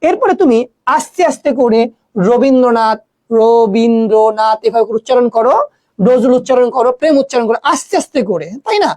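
Fast-talking teacher woman quizzing students. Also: on the high side, lively intonation, mellow, dry recording. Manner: quizzing students with rhetorical questions. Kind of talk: exam-prep grammar lesson.

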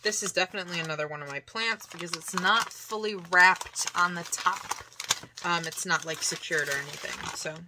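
Woman, lowish voice, casual rambling haul chat, lots of fillers, audible background noise. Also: moderate pace. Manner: rambling and chatty, with many fillers and laughs. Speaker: vlogger showing a shopping haul.

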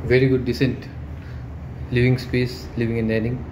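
Holding a phone camera, a male tour guide from India shows off an empty furnished flat, his medium-pitched narration plain and halting as he indicates things along the way. Loud air-conditioning and traffic hum fill the echoey, bare room.

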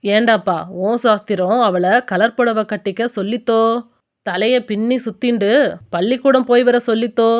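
A woman voicing a fierce, grieving elderly grandmother in an audiobook, speaking slowly and deliberately in a lowered voice. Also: clear, resonant tone, close to an everyday voice. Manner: slow, low, deliberate speech. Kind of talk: audiobook character voice.

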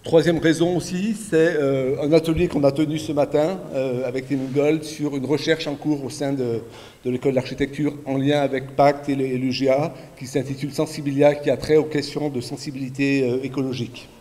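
Mellow-voiced man hosting a lecture. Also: mid-range voice, little pitch movement. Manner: halting, many fillers and restarts. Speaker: event host introducing a speaker. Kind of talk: formal introduction to a lecture. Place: large lecture hall. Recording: long hall reverb.

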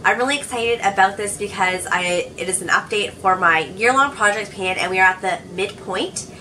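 A woman's voice: medium pitch, moderate pace, sharp tone, far from the mic, a little hiss or hum, poor audio. A young woman chatting casually as a beauty vlogger, sounding a little sick with a cold and saying "like" a lot. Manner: chatty, says "like" often. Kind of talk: casual chat.

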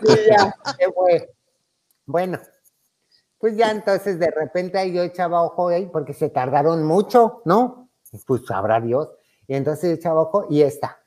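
A woman's voice: fairly low pitch, normal speed, mellow. A woman with a Mexican accent telling a funny anecdote in a casual chat. She acts out the voices of the people in her story and laughs often. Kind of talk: casual anecdote among friends.

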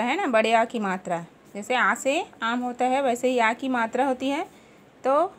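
Slow, high-voiced teacher woman. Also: a bit bright. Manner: slow, repeating words and asking questions. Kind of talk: online lesson at a blackboard. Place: room with a blackboard. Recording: echoey room from a distance, faint noise.

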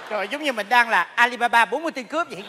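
A man's voice: extremely high pitch, lively intonation, racing, noisy background. A man, joking and meddling in a stage comedy sketch. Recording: reverberant theater stage.

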